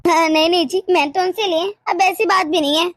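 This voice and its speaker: Evasive cartoon wife, stammering excuses, very high voice, done by a woman. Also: fairly even intonation, a little fast, no room sound, clean studio sound. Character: sly fibbing young wife.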